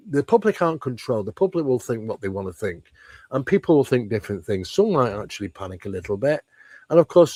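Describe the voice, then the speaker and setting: A paranormal researcher appears as an interview guest, explaining paranormal topics at length in an emphatic, conversational style and often asking rhetorical questions. His voice is fairly low, with no room sound.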